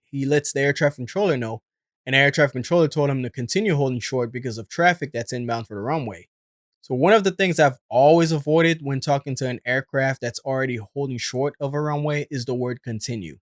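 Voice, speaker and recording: A man's voice: mid-range voice, no echo, studio quality. A man hosting and giving explanatory voice-over commentary. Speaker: host and commentator.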